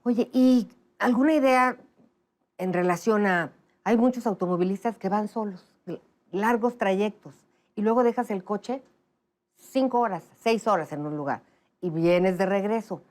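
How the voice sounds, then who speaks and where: A woman's voice: medium pitch, unhurried, long pauses, a little mellow. A woman, hosting a talk show interview and asking long, rambling, conversational questions. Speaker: interview host.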